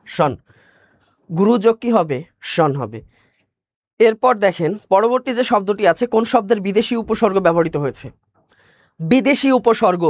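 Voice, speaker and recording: A man's voice: high-pitched, dry recording, studio quality. A male teacher with a Bangladeshi Bengali accent giving an online exam-prep lecture, explaining step by step, repeating key words and asking the class questions.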